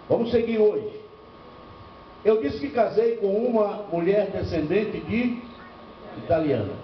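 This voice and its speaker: An older male pastor from Bahia speaks in a high voice, spinning anecdotes and asking the room questions. The recording is dull and lo-fi, picked up from a distance in a reverberant church hall with faint background noise. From Bahia, northeastern Brazil. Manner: storytelling with rhetorical questions and humor. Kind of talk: church seminar preaching. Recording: echoey lo-fi church recording from far off.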